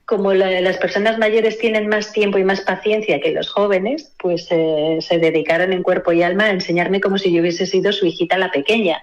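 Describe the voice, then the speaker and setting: A middle-aged woman from Spain speaks with a Spanish accent, chatting as a guest in an interview. She tells stories with flair, slipping into the voices of the people she quotes. Her pitch sits in the middle range for a woman. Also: fairly quick, hardly any pauses, muffled recording. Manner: expressive storyteller, acts out quoted voices. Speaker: guest, voice actress. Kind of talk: interview over a call.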